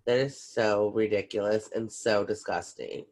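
A woman's voice: a bass voice, measured pace, darkish tone. A woman co-hosting a casual podcast, reacting frankly with disgust and swearing freely. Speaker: podcast co-host. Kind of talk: casual chat.

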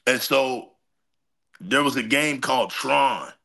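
A man's voice: medium pitch, slow, gravelly, pushed and bright. A man being interviewed as a guest on a livestream, talking from a workshop where his voice echoes around the room. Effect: room echo from a shop space.

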